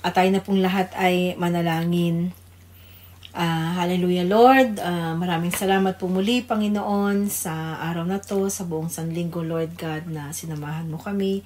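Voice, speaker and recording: This woman, who has a Filipino accent, speaks with a fairly low, darkish voice at a moderate pace and with fairly even intonation. As a pastor's wife co-hosting a devotional radio program, she offers informal greetings and prayer in a reverent, conversational way.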